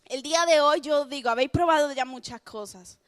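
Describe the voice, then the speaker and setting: A young woman with a Spain Spanish accent giving a chatty, lively youth sermon, often laughing at herself. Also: sits high, brisk. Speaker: youth speaker.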